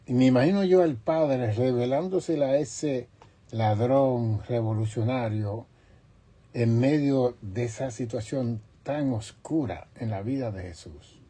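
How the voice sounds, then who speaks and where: A male pastor delivers a sermon in measured, deliberate phrases, pausing often and lifting his voice to stress quoted lines. His tone is deep and dark, with a slightly husky edge. He speaks at an unhurried pace. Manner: slow, emphatic preaching with long pauses and rising, forceful quotes.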